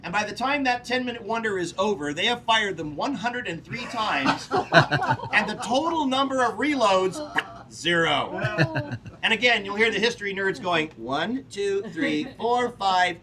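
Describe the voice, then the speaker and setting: A man working as a tour guide and historian, telling animated stories with playful asides outdoors on a film set. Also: high voice, normal speed, far from the mic, crowd noise, rough recording. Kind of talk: guided tour talk to a small group.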